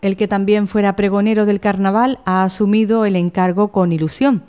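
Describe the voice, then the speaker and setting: A woman's voice: mid-range voice, steady tone, brisk, mellow, clean tone. A woman reading scripted news narration as a reporter.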